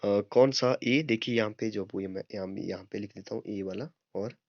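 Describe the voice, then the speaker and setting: A young male teacher with a fairly low voice walks through a grammar lesson step by step. He checks in with his listeners again and again and sounds out vowels to show them. The recording is dry and a little dull, made close to a desk microphone. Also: moderate pace, darkish tone, no echo. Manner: explains step by step, often repeats "ठीक है" and demonstrates sounds. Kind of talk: online Hindi grammar lesson.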